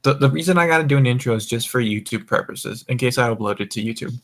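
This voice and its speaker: A fast-talking young man with a medium-pitched, slightly bright voice hosts a casual group voice chat. Tipsy, he rambles, swears and stumbles over his words; he's from the American Mountain Time zone.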